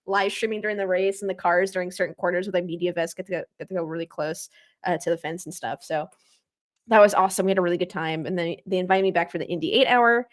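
A young woman, a motorsport streamer, chatting as a guest in an interview, bubbly and animated as she tells stories. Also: fairly low pitch. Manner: bubbly, animated storytelling with quick asides. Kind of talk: casual interview chat.

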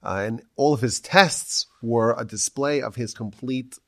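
A man hosting a religious podcast discussion, earnest and halting, with many restarts. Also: medium pitch, a bit bright, dry recording, studio quality. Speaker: rabbi podcast host.

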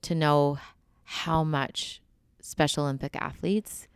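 A woman guest in a casual interview, telling her stories in an animated way and laughing often. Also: low voice, takes it slowly, smooth, dry recording. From Canada. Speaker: guest, Olympic curler.

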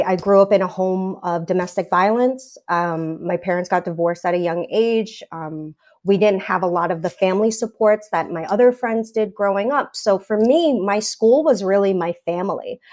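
A woman talks through her answers in a thoughtful way. She often restarts her sentences and fills the gaps with ums. Her voice sits at an ordinary, middle pitch. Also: a little mellow. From New York, USA. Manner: reflective, many fillers and restarts. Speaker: teacher. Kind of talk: conversational interview.

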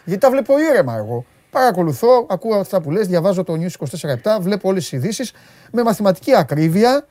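A man's voice: sits high, dry recording. A man co-hosting a radio talk show, joking, teasing and interrupting in casual chat. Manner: excitable, teasing, interrupts often. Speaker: radio co-host.

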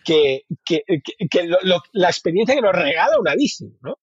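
Husky Spanish man, eager interview talk. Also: sits high, lively intonation, moderate pace, dry recording, dull audio. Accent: Spain Spanish. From Spain. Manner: enthusiastic, many repeated words and restarts. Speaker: bike fitting expert guest.

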